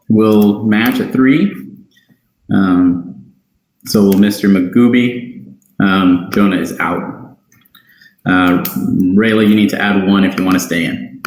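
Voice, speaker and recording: A man runs a tabletop game as game master, speaking slowly in a lowish voice. He hesitates often between calls. The room sounds roomy with a faint hiss behind him. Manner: unhurried, hesitant, many ums.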